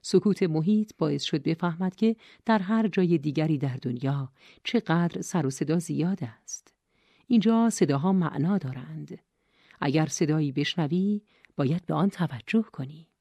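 A woman reading an audiobook in measured, even storytelling narration on a close studio mic. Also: low-pitched, dry recording.

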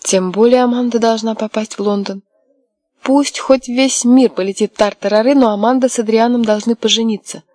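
A woman voicing a headstrong, quick-tempered young wife in an audiobook, sharp and mocking. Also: a little high, steady tone, no room sound, clean studio sound, voice pushed up, close to an everyday voice. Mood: furious. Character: fiery defiant young wife, headstrong and scheming. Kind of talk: audiobook character voice.

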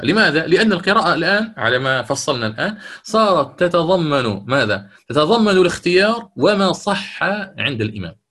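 A man's voice: mid-range voice, fairly bright tone, slightly rough. A man teaching a lecture on Quran recitation, explaining step by step and often checking with his students. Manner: stretches words when demonstrating recitation. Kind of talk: classroom lecture.

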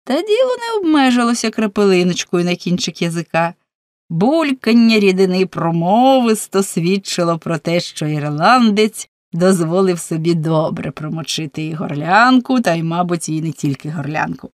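A woman narrating an audiobook in an even storytelling read. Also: on the low side, normal speed, no room sound. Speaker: audiobook reader. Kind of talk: scripted narration.

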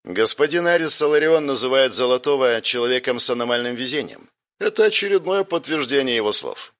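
A man's voice: medium pitch, lively intonation, a little fast, a bit bright, pitched above the performer's own voice. A male reader voicing a weary, tough woman field commander who speaks in curt, hard-edged answers.

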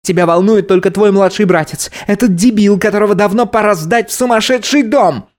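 A man's voice: high voice, a little fast, voice pushed up, natural voice. A man voicing a furious grown daughter in an audiobook, screaming bitter accusations. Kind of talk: audiobook character voice.

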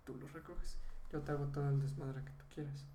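Mexican male podcast co-host, chatty and explanatory, animated pitch jumps, echoey room. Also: a little fast, far from the mic. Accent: Mexican Spanish. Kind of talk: casual chat. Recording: echoey room, faint ambient noise.

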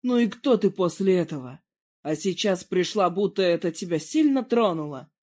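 Reader doing a hot-tempered young guy, yelling, swearing, dark tone. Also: mid-range voice, expressive, normal speed, natural voice. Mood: furious.

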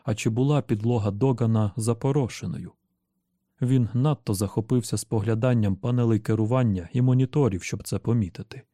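A medium-pitched male narrator reads an audiobook from a script, telling the story in a steady, measured way. The recording is studio quality with no room sound.

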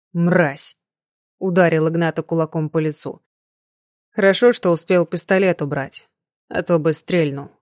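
Женщина-чтец с низковатым голосом. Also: female voice, on the low side, darkish tone, no room sound, studio quality. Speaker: audiobook reader. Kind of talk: scripted narration.

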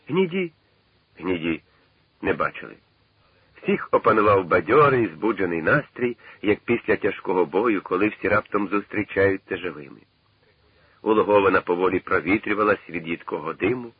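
A man with a deep, husky voice reads a novel aloud in a measured, dramatic way. The recording is dry and tinny, with the narrow sound of an old radio broadcast. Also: lively intonation, dry recording. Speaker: narrator. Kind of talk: dramatic literary reading.

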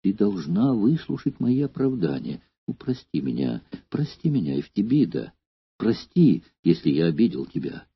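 A man's voice: sits low, big pitch swings, normal speed, husky, no echo, heavily acted. A man voicing a huge, hot-tempered Germanic warrior who begs his beloved's forgiveness, in an audiobook reading. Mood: imploring. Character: remorseful giant Germanic warrior, hot-tempered but loving. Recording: dull lo-fi dry recording.

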